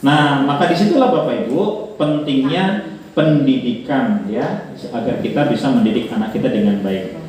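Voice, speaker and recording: A man giving a parenting talk to an audience of parents, lively and asking them questions. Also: medium pitch, moderate pace. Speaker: parenting seminar speaker. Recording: echoey hall from far off with faint noise.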